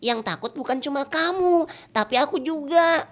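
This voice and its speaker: A man's voice: very high-pitched, normal speed, slight background noise, pitched above the performer's own voice, exaggerated voice. A man voicing a cheerful, bossy monkey who corrects and reassures his friend in a children's story. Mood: reassuring. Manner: teasing, corrective, lively. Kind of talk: storytelling with puppet voices.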